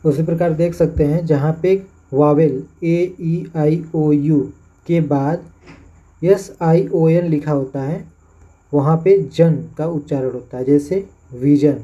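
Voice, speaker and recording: A man with a Hindi accent gives a pronunciation lesson at an unhurried, deliberate pace, spelling out each word before saying it. His voice is deep-toned and mellow, and the recording sounds dull and lo-fi. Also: fairly even intonation. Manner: spells words letter by letter, then repeats them slowly. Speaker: English teacher.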